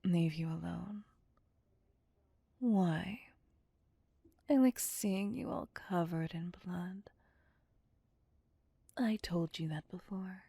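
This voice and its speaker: A voice actor performs an ASMR audio roleplay as a possessive, cocky, sadistic female vampire captor who is playfully menacing, using a breathy, husky whisper that is slow, seductive, teasing and domineering. Her fairly low, warm voice is heavily acted, smug in mood, with no echo.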